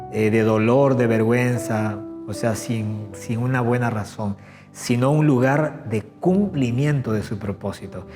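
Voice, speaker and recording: A pastor preaches earnestly at a middle pitch, often posing rhetorical questions to his listeners. His voice rings with a long hall reverb, and soft music plays faintly underneath. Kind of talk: sermon.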